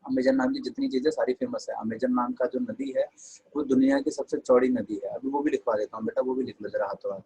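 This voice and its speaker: A man's voice: mid-range voice, expressive, fast, mellow, a little hiss or hum, low-quality recording. An Indian man teaching an online English class, mixing Hindi with English and dictating notes to his students.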